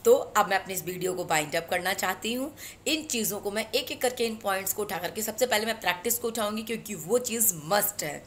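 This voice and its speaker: A woman with an Indian accent teaching a spoken English lesson, switching between Hindi and English and slowing down for English phrases. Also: medium pitch, fairly bright tone, a little hiss or hum. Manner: mixes Hindi and English, slow deliberate English phrases.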